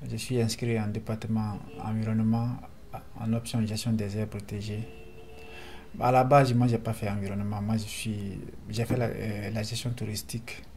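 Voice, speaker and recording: A man in his thirties from Guinea tells how he came to his studies in a relaxed, anecdotal way. His voice is mellow and his intonation stays even. Soft ambience hums behind him. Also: on the low side, moderate pace, a little hiss or hum. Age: 30s. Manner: relaxed storytelling. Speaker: master's student. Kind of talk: interview self-introduction.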